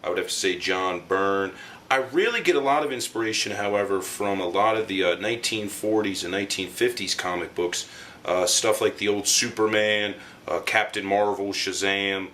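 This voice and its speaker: A comic book artist with a deep voice answers interview questions for a documentary, his delivery halting yet emphatic, pushed and bright. Faint noise sits behind him.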